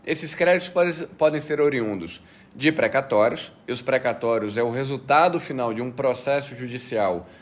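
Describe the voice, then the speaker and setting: A man from Bahia, a slightly hoarse guest on a podcast, explaining finance step by step. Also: medium pitch, moderate pace. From Bahia, Brazil. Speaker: guest, fintech manager.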